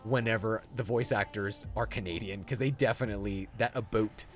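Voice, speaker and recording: Here the streamer's voice sits lowish, steady in tone and fairly quick. He's an easygoing man casually playing a game, chuckling often as he talks and reads viewer comments aloud over background music.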